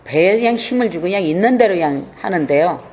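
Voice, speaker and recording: A woman's voice: lowish voice, animated, quick pace, darkish tone, slight background noise. A woman pastor giving an emphatic, colloquial sermon.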